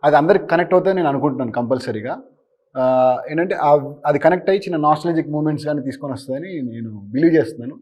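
A man talks about his film with earnest conviction, stretching his points with small fillers. He speaks very fast in a slightly high voice. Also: darkish tone. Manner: earnest, explains at length with fillers. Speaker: film director. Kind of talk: promotional interview answer.

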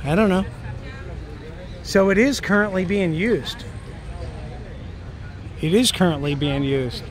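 This man's high voice is animated yet slow as he walks city streets filming himself for a travel vlog. A native English speaker, he muses aloud in a rambling way, often tacking on "right?", over the traffic and street noise around him.

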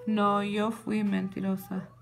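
Woman, young adult, casual storytelling, animated, code-switching. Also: mid-range voice, slow pace, gravelly, slight background noise. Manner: animated, switches between Spanish and English. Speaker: vlogger. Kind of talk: casual storytime to a live audience.

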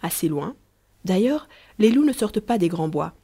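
A woman voicing a gentle, sly young peasant woman who talks soothingly and patiently to a small child in a storybook. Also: lowish voice, expressive, normal speed, husky. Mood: reassuring.

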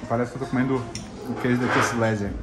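The recording is very noisy, with busy restaurant chatter behind a fast-talking, medium-pitched man with fairly even intonation. He's a travel food vlogger from Santa Catarina, southern Brazil, chatting casually with a regional accent as he tastes food and often repeats himself.

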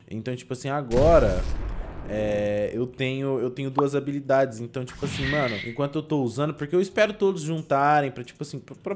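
A young man from Brazil giving casual, slangy gameplay commentary as a YouTuber, rambling and full of fillers. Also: fairly high pitch. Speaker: gaming YouTuber.

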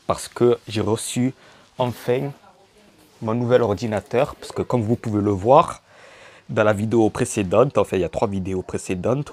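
A man's voice: mid-range voice, a little mellow. A young man casually unboxing a laptop in a vlog, joking and slangy. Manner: joking, slangy, slow and chatty. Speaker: YouTuber.

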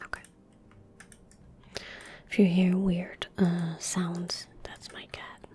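At her desk indoors, a young ASMR streamer whispers game commentary right into a close microphone, her voice soft, breathy and gentle. She speaks slowly and flatly, pitched on the low side. Keyboard typing and mouse clicks fill the background.

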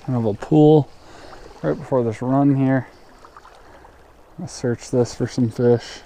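A man's voice: mid-range voice, slow pace. Young guy fly fishing, chill explaining, river noise in the back, camera mic. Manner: relaxed, explaining as he fishes. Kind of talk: casual outdoor vlog narration. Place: outdoors on a river. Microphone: action camera.

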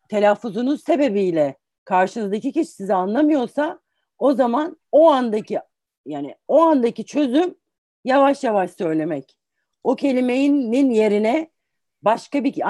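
A woman's voice: mid-range voice, mellow, no echo, studio quality. A woman in her forties, an English teacher, giving patient, explanatory advice in an interview and restating points with examples. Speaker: English teacher and career guest.

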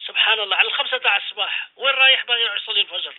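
A man's voice: high-pitched, very fast. A man, an imam, preaching a radio sermon, exhorting his listeners with repeated phrases and rhetorical questions. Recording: phone-line radio call-in.

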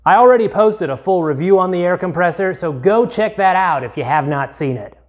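A man in his thirties talks through a tool test in a plain, orderly way. His voice sits a little high for a man. He is recorded close on a lapel mic in a home garage. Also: lively intonation, fairly quick. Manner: plain, methodical, step-by-step explaining. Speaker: tool reviewer, channel host. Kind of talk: explanatory tool review. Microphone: clip-on lapel mic.

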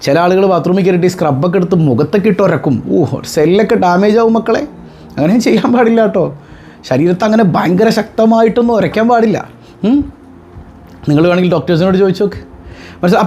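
Animated high-voiced religious teacher. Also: male voice. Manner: animated, rhetorical questions, joking asides. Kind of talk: religious talk to followers.

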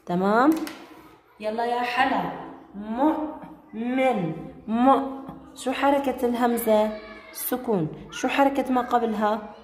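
A woman teacher leads a grammar lesson, calling on pupils by name. She repeats each rule slowly, word by word. Her voice rings in an echoey classroom with a long reverb and faint room noise. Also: fairly high pitch.

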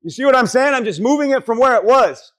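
High-pitched male boxing coach firing up trainees. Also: lively intonation, quick pace. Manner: motivational, pep-talk coaching, urging and blunt; profane. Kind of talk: hands-on drill instruction to a class. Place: boxing gym during a group class.

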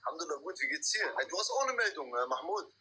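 Man in his thirties, quick, highish, very bright voice, casual slangy chat, faint noise. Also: very animated. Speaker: livestream co-host. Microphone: phone on a video call.

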